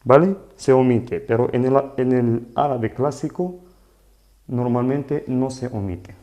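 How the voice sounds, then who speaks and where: A man teaching a live online lesson in Spanish, explaining slowly and patiently and often checking that his students follow. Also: mid-range voice, warm tone. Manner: slow, patient explaining with frequent "¿vale?" checks. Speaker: Arabic teacher.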